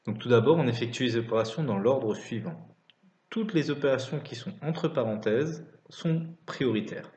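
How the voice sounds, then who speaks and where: A man's voice: medium pitch, normal speed, a little mellow. A man teaching maths in a scripted lesson narration, dictating calculations piece by piece. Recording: roomy, slightly dull recording.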